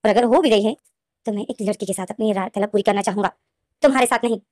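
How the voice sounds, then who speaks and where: A woman's voice: mid-range voice, fast talker, a little mellow, dry recording, clean studio sound, close to an everyday voice. A woman voicing a hurt, defiant young man. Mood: alarmed. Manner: pleading, protesting outbursts.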